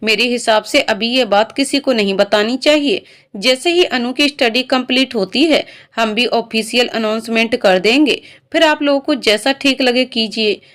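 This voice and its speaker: A woman's voice: on the high side, normal speed, fairly bright tone, close to an everyday voice. A woman reading the part of a proud, earnest young male student in a spoken story.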